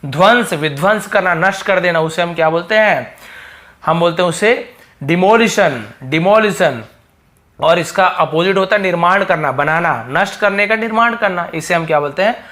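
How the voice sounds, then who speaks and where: A man's voice: sits high, normal speed, a bit bright. A man hosting his own channel, teaching English opposite words in a patient explaining style, repeating each word and asking rhetorical questions. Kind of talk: explaining a vocabulary lesson.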